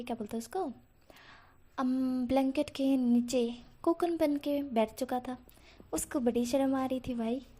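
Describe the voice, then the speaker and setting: A woman's voice: high-pitched, warm tone. A woman host casually retelling a fanfiction story to her viewers in a chatty way, full of fillers and direct asides. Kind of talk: casual spoken story narration.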